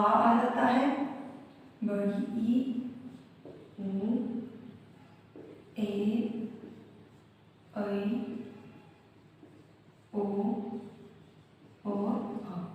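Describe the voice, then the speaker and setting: A woman's voice: fairly high pitch, a little mellow. A woman teaching an exam-prep grammar lesson who keeps putting questions to the class and answering them herself, repeating each key point. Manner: repetitive, asks and answers own questions. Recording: echoey room, voice from a distance.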